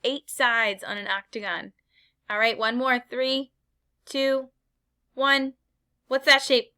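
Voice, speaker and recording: A woman with a very bright, fairly high voice leads a lesson for preschoolers. She speaks slowly and simply in the manner of a kids show host, using encouraging prompts, questions and repetition. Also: level tone, clear, resonant tone. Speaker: preschool teacher. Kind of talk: children's circle-time lesson with questions, counting and repetition.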